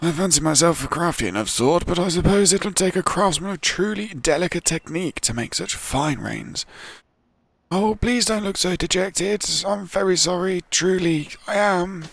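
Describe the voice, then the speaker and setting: A man's voice: high voice, moderate pace, gravelly, fairly bright tone, no room sound, heavily acted. A man voicing a polite, old-fashioned village mayor with formal, apologetic phrasing, over faint game music. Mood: courteous. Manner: formal, courteous, put-on British phrasing. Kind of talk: reading game dialogue aloud.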